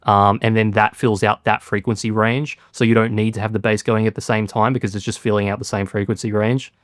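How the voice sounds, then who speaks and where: A man casually explaining how he produced a track, relaxed and self-deprecating, with lots of fillers. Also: lowish voice, a little fast, no room sound, clean studio sound. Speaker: music producer.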